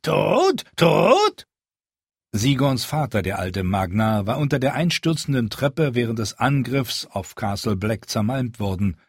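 A man narrating an audiobook in measured storytelling. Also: mid-range voice, slightly rough, dry recording, studio quality. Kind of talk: scripted narration.

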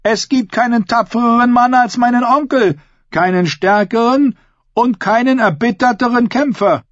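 A man's voice: extremely high pitch, normal speed, no room sound, highs cut off, pitched above the performer's own voice. A man voicing a bold, mocking young woman who teases a crowd of sea captains in an audiobook. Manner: teasing, cocky, commanding.

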